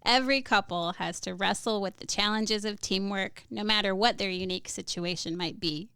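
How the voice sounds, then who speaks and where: Smooth-voiced woman podcast co-host. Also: mid-range voice, moderate pace, sharp tone, no room sound, studio quality. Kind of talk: podcast introduction.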